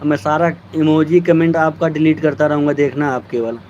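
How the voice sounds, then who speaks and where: A man with a fairly high voice chats casually on a live stream. He teases his viewers and thanks them by name. The phone audio sounds dull and lo-fi, with faint vehicle noise in the background. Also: steady tone, moderate pace, a little mellow.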